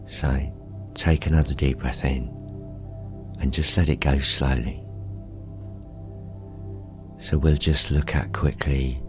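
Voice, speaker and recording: Guy leading a meditation, super deep voice, soft and half whispery at times. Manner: soft, unhurried, drifts into breathy half-whispers. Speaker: meditation guide. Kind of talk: guided meditation.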